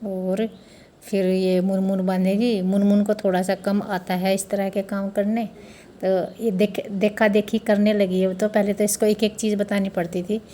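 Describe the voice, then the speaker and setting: Mellow-voiced woman narrating a family vlog. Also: mid-range voice, little pitch movement, unhurried, slight background noise. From India. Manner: chatty, explains customs step by step. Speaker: family vlogger. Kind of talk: casual vlog narration to viewers. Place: family home during a festival.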